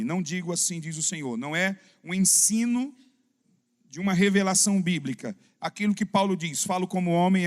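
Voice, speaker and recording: A Brazilian pastor delivers a fervent sermon and keeps calling for an "amém?" from the congregation. His voice sits high for a man. The long reverb of a church sanctuary trails after each phrase. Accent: Brazilian Portuguese. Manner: fervent preaching with "amém?" call-and-response.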